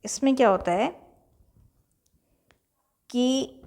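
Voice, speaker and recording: A young Indian woman teacher giving an exam revision lecture, explaining slowly and repeating key terms. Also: high voice, darkish tone.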